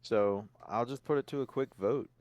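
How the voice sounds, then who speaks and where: A man's voice: medium pitch, normal speed, dry recording, lo-fi sound. A man playing in a tabletop game, casually laying out his group's plan. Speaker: player. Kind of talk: casual chat.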